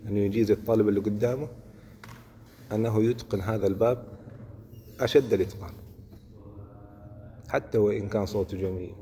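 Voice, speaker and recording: A man gives a fast religious lesson on Quran recitation, often checking that his listeners follow. His voice sits low and mellow. The recording has a long hall reverb and faint background noise.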